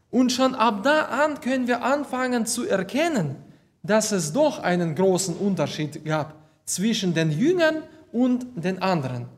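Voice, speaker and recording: A man with a voice that sits high preaches a sermon, reading Bible verses aloud and explaining them slowly and deliberately, with some hesitations.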